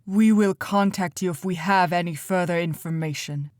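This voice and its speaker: A woman's voice: lowish voice, normal speed, no room sound, close to an everyday voice. Woman voicing icy male council leader. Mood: tired. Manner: sharp, icy, commanding. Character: stern older male council leader, cold and dismissive.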